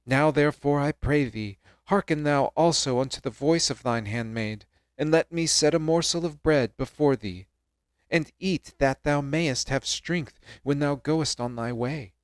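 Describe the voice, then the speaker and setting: A man voicing a female medium in a gentle, coaxing archaic reading. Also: a little high, measured pace, clear, resonant tone, dry recording, voice pushed up, close to an everyday voice. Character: pleading female medium offering food.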